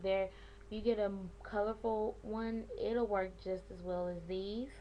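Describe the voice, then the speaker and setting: In an unhurried, fairly even mid-range voice, a young woman rambles to camera with piercing aftercare tips, slipping into slang and wandering off topic easily. The recording sounds muffled, with slight background noise.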